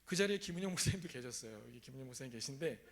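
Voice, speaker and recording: A man's voice: mid-range voice, expressive, very fast, gravelly. A man preaching a sermon in a church, telling his own story and often asking the congregation questions. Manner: asks the congregation questions, conversational. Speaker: pastor. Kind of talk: sermon with personal testimony. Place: church sanctuary.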